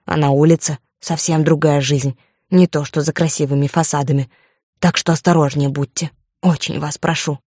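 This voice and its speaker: A woman's voice: low voice, fairly even intonation, normal speed, dry recording, clean studio sound. A woman voicing a kind, plain-spoken old female cook who fusses over the girl. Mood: tender. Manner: homely, fussing, soft-hearted.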